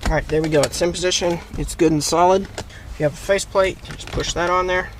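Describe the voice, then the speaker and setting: A man hosts a casual hands-on how-to video, narrating each step and thinking aloud as he works inside or beside a parked vehicle. His voice is high with a steady tone and a quick pace, and the background is noisy.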